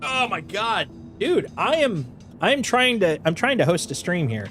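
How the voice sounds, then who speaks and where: Soft background music plays as a Wisconsin game streamer chats casually at a moderate pace. His high, a little nasal voice carries an exaggerated Upper Midwest accent, and he jokes, laughs often, and breaks into folksy exclamations.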